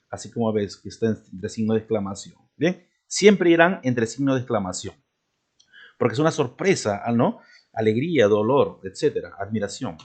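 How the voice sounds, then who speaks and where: A man teaching a spelling lesson to students, checking often whether they follow. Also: medium pitch. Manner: addresses students, checks with frequent "¿de acuerdo?" and "¿no?".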